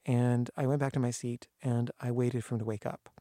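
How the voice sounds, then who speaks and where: A man's voice: medium pitch, no room sound, clean studio sound. A man telling a personal story in a casual way, acting out the people he quotes, with frequent restarts. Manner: animated, acts out quoted voices, halting restarts. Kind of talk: casual anecdote.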